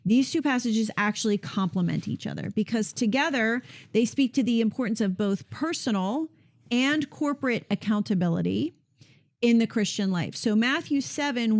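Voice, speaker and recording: A woman hosting a Bible discussion, explaining passages in a conversational way and correcting herself as she goes. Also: medium pitch. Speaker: host leading a Bible discussion.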